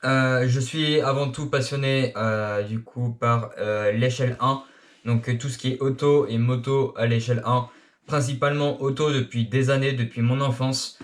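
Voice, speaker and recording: Young male RC YouTuber from France, late teens, halting casual delivery, average pitch. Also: steady tone. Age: young adult. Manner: hesitant, many filler sounds. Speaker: RC hobby YouTuber. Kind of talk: casual self-introduction. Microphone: action camera.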